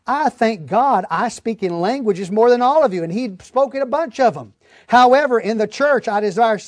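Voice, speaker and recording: With a voice that sits high, a man gives a verse-by-verse reading and explanation of the Bible in an emphatic, folksy, plainly worded style. The sound is studio quality without any room sound.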